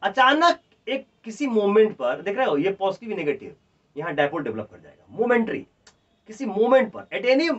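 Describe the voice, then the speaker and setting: A man's voice: sits high, moderate pace. A male chemistry teacher with a Bihari accent lecturing a class, repeating each point and dictating notes word by word. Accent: Bihari Hindi. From India. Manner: repeats points and keeps calling the students children; emphatic, animated explaining, dictating notes word by word. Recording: distant, dull lo-fi classroom audio.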